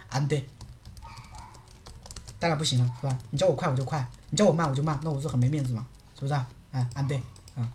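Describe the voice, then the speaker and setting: A woman runs a lesson on a livestream and keeps checking in with her viewers. She talks fast, and her pitch swings widely. Her voice sits at a medium height. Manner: lively, asks many rhetorical checks. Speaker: Korean language teacher.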